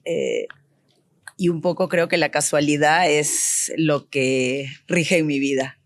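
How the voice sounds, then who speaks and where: A woman from Peru, a designer being interviewed, telling her story in a lively, candid way. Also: deep voice, takes it slowly, dry recording, studio quality. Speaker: guest designer. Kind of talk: casual interview chat.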